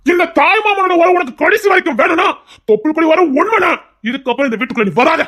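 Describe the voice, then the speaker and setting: A woman's voice: very high-pitched, expressive, quick pace, fairly bright tone. A woman voicing a hot-tempered middle-aged man, a maternal uncle who blusters, threatens and boasts about his family line in an audio family drama. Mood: furious.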